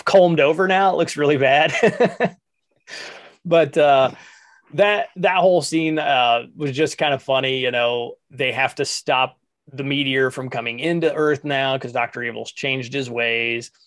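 A man's voice: medium pitch, a little slow, fairly bright tone. A man hosting a podcast, chatting casually and rambling through a retelling with lots of fillers. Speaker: podcast host. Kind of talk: casual chat.

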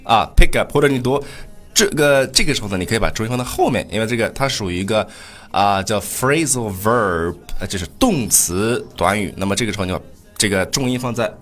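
A male host teaching pronunciation in a relaxed podcast, his voice sitting on the low side. He walks through examples patiently and repeats each phrase slowly, with faint music underneath. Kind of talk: casual podcast lesson.

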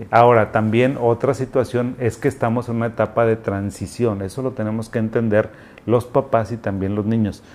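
In a mid-range, darkish voice, a Mexican-accented doctor explains things to parents in a conversational, advice-giving manner, acting out quotations along the way.

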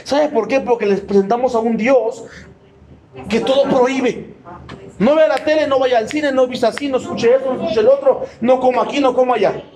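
A man's voice: very high voice, normal speed, a crowd in the background. A man preaching a sermon in a church, emphatic and humorous, often asking the congregation yes-or-no questions and mimicking people.

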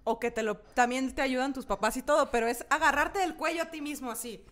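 A young woman with a Mexican accent co-hosting a casual chat, lively and joking. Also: high voice, fairly quick. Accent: Mexican Spanish. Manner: lively, joking, bursts into loud acted outbursts. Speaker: podcast co-host.

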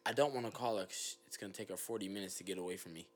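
A man's voice: low voice, very fast. A man chatting casually as a podcast guest, boasting and then mocking himself, with profane slang. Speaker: podcast guest, friend of host. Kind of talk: casual chat.

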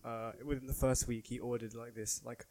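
A man's voice: mid-range voice, level tone, fairly quick, a little mellow, a little hiss or hum. A young man chatting casually as a podcast co-host. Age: young adult. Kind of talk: casual slangy chat.

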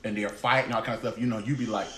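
A man's voice: lowish voice, steady tone, rapid-fire, fairly bright tone. Male host, 30s, blunt and emphatic, echoey room with faint hiss. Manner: blunt, emphatic, swears freely. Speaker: podcast host. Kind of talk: casual roundtable chat.

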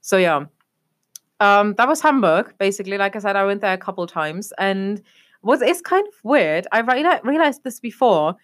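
A young woman from Germany talks in a loose, rambling way on a podcast. She keeps circling back with "obviously" and "a whole thing" in an easygoing chat at an everyday mid pitch. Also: big pitch swings, moderate pace. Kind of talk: casual chat.

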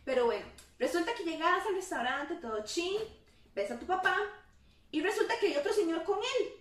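A young woman with a high voice spins a story for a friend, laughing and putting on the voices of the people in it. Her speech is animated and casual. The sound is roomy, and she sits some way from the mic. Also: normal speed, recorded from a distance. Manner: animated, laughing, acts out quoted lines. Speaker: storyteller in a chat. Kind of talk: casual chat, retelling a story.

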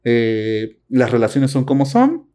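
Hombre peruano conversando con calma. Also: male voice, mid-range voice, takes it slowly. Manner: reflective, teasing, with many fillers. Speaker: podcast co-host. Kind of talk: casual conversation.

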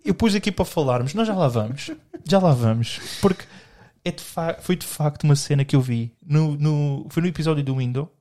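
A man's voice: fairly high pitch, brisk, hardly any pauses, mellow. A young man with a European Portuguese accent, co-hosting a podcast in rambling, joking casual chat full of slang. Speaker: podcast co-host.

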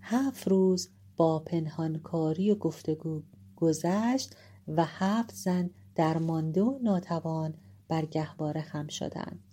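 A woman narrating an epic tale in a measured, dramatic storytelling manner. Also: deep voice, mellow. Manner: measured, dramatic, shifting pace for suspense.

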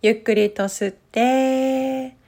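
A woman coach leading a guided breathing meditation in a soothing, gentle manner with drawn-out instructions. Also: sits high, steady tone.

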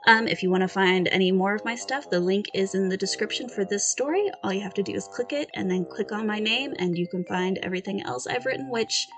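A woman's voice: mid-range voice, brisk, hardly any pauses, fairly bright tone. A woman narrating a story she wrote, casual and self-deprecating in her asides. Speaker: storyteller and author.

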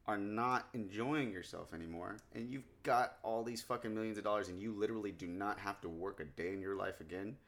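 A man's voice: lowish voice, fairly bright tone. A man in casual podcast chat, rambling and swearing freely with lots of fillers.

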